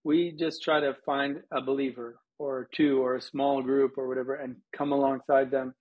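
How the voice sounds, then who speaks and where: An American man from Colorado, a guest from a missions organization, answers interview questions conversationally and shares anecdotes. His husky, narrow, mid-range voice holds a level tone at normal speed. The audio sounds tinny.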